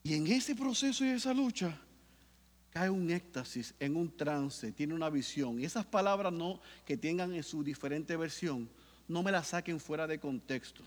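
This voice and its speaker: A man preaching a sermon, swinging from hushed talk to loud bursts and acting out quotes. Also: fairly high pitch, animated, moderate pace, big-room sound. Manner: acts out Peter's voice in quotes. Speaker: pastor.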